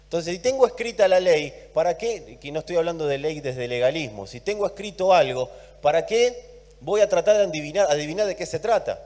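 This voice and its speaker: A man with an Argentine accent preaching a sermon, emphatic, swinging between loud and soft and repeating words for emphasis. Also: a little high, lively intonation, a little fast, long reverb tail. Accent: Argentine Spanish. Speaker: pastor.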